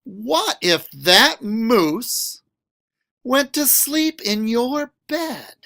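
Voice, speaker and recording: With an extremely high, creaky voice and an extremely slow delivery, a man acting as a school librarian reads a children's picture book aloud. He stretches words and poses questions expressively for the little ones.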